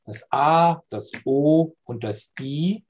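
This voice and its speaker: Reflective man explaining ideas slowly. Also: a little high. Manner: pondering, slow, often adds "ja?" to check understanding. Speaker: speaker on philosophy and spirituality.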